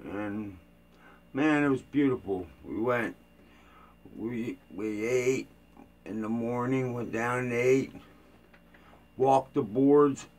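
A man's voice: mid-range voice, slow, pauses often, a little mellow. An older man chatting casually to camera as a vlogger, rambling loosely with plenty of fillers and restarts, and sounding tired. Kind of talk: casual rambling vlog chat.

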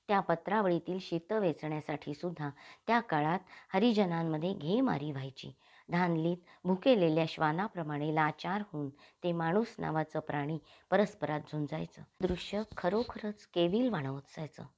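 Lady reading a story aloud, fairly low voice, calm and devout. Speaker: audiobook reader. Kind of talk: scripted narration.

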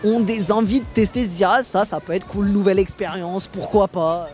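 A man's voice: high-pitched, steady tone, moderate pace, soft background music. Teasing young man with a handheld mic. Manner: teasing, laughs often, pushes with follow-up questions. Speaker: street interviewer. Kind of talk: street vox pop, casual. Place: busy city street outdoors.

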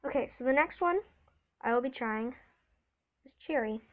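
A woman's voice: high-pitched, expressive, normal speed, poor audio. A woman vlogging a casual taste test, chatty and eager, reacting aloud as she tries each one.

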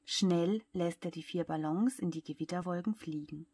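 A woman with a German accent reading a bedtime story to young children in a soft voice that often drops to a whisper. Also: lowish voice, normal speed, slightly rough, dry recording. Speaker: childcare worker reading aloud.

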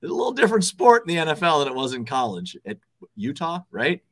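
His voice fairly high, sing-song and fairly bright, a thirty-something TV sports director talks fast as he gives emphatic, confident sports analysis. He's on a video call from an indoor office with desks, keeping it casual and repeating words for stress.

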